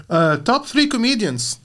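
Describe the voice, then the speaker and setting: A man's voice: high voice, fairly bright tone. A young man, a stand-up comedian, chatting casually and teasing his co-host, with hesitant fillers. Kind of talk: casual podcast chat.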